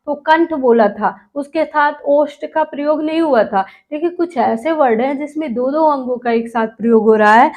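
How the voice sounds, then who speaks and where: A woman's voice: sits high, moderate pace, hardly any pauses, a little mellow. A woman teaching a lesson, patiently sounding out syllables one by one and asking her students questions as she explains. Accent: Hindi. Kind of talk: classroom lesson.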